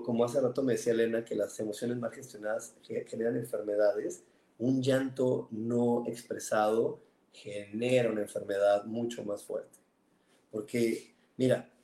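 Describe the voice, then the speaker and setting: A man's voice: medium pitch, dark tone, echoey room. A man, hosting a spiritual self-help podcast in an earnest way, often stacking repeated words for emphasis. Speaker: podcast host.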